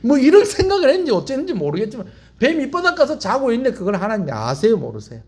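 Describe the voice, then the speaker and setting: A male pastor, preaching a sermon as animated storytelling full of rhetorical questions and call-and-response. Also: extremely high pitch, quick pace. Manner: leads the congregation in call-and-response.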